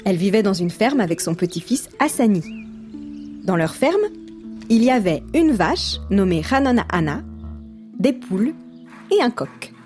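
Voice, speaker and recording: A woman storyteller reading a folk tale aloud in scripted narration, lively and expressive, with voices for the characters. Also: mid-range voice, a little slow, pauses often, faint music behind.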